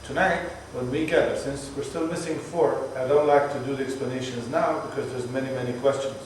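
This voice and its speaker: A man's voice: mid-range voice, steady tone, brisk. Man guiding a bus tour. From Palestinian, from Jerusalem. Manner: chatty, explaining patiently with jokes. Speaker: tour guide. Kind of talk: guided tour talk to a group. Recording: echoey distant voice, bus noise.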